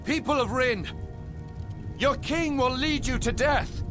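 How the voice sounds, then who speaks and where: A man's voice: extremely high pitch, slow pace. A man playing a proud, defiant human prince, speaking in an earnest, noble, declamatory way in a video game cutscene. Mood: rallying. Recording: loud music behind. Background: loud music.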